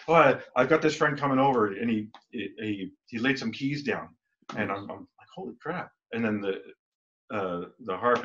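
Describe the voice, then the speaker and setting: In a dull, lo-fi recording with a little hiss or hum, a man from a band talks casually in an interview, his voice fairly low yet a bit bright. He meanders with frequent restarts and performs the back-and-forth of conversations he quotes.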